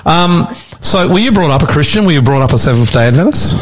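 A man's voice: fairly high pitch, lively intonation, quick pace, background noise. A man with an Australian accent, a pastor hosting a podcast, interviewing a guest in a jovial, chatty way. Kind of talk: casual interview.

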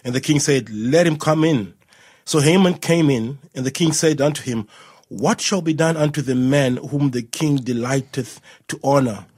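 Man from Malawi, grew up in Zimbabwe, reads scripture calmly, husky voice, dry close mic. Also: mid-range voice, dry recording. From Malawi, raised in Zimbabwe. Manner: calm, reads scripture aloud in measured tones. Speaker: co-host and scripture reader. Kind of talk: casual Bible discussion with scripture reading.

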